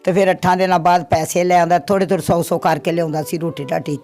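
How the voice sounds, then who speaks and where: Middle-aged woman, plaintive, repetitive, gravelly, soft music behind. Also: on the low side, fairly even intonation, fast talker. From Pakistan. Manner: plaintive, repeats her complaints. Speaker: interviewee. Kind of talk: emotional interview testimony. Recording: faint background music.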